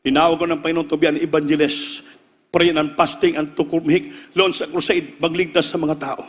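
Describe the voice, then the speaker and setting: A male preacher telling a story in a sermon, acting out the voices of the people in it and rising to shouts. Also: on the high side, level tone, a little fast, in a large hall.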